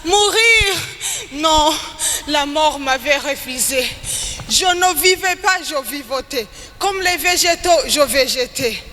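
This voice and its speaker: Sitting high, animated and sharp in tone, a woman's voice rings out as she recites dramatic spoken-word poetry on stage at a live event. The setting is a large, echoey hall with background noise, and her delivery is slow, emphatic and declamatory, phrases rising and falling.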